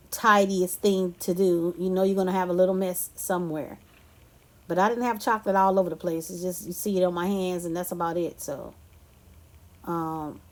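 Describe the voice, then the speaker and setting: This cooking vlogger, a woman from California, has a medium-pitched, somewhat dark voice. She gives a relaxed, chatty tutorial, calling viewers "you guys" and "y'all."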